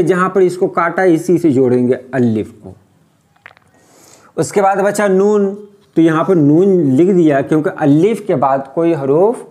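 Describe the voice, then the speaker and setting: A man teaching how to write letters, explaining patiently and repeating each point slowly. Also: on the high side, a little mellow. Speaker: Urdu script teacher. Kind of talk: step-by-step writing lesson.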